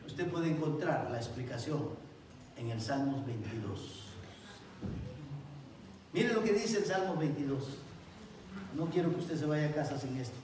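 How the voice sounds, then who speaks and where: A male pastor preaching with passion in a church, his voice bouncing off a big, echoey room. His high voice swings widely, from ringing cries down to near-murmurs. He sounds a little distant from the mic, with a faint hiss of room noise underneath. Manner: impassioned preaching, swinging between loud cries and hushed lines. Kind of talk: sermon. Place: church sanctuary.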